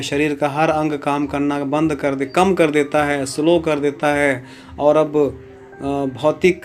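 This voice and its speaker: Man, teacher narrating a recorded lesson, level monotone, unhurried with pauses. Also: fairly high pitch. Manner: slow, even delivery with pauses to read out word meanings. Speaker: English teacher. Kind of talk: recorded lesson explaining a poem.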